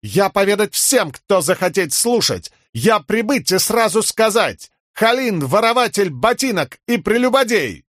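A man reading an audiobook, voicing a young woman who shouts in mangled, broken phrases while faking a foreign accent. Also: very animated, drawn-out words, hardly any pauses, no echo, clean studio sound, heavily acted. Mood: indignant shrill. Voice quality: broken grammar, shrill shouting.

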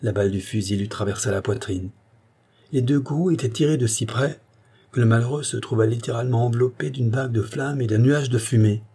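A man narrating a classic novel as an audiobook, with expressive, theatrical delivery. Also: medium pitch, brisk, slightly rough.

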